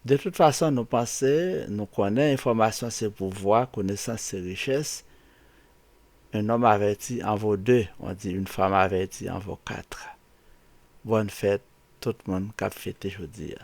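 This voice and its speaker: A man's voice: fairly low pitch, unhurried, darkish tone. A man with a Haitian accent, hosting a daily reflection on the saints and urging listeners on with proverbs and Bible verses. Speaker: host of a daily saints channel. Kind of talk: spoken religious reflection.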